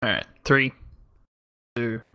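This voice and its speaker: A podcast host opening the show and chatting with a relaxed, easygoing manner. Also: mid-range voice. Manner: relaxed, easygoing, brisk scripted intro. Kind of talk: casual podcast chat and show intro.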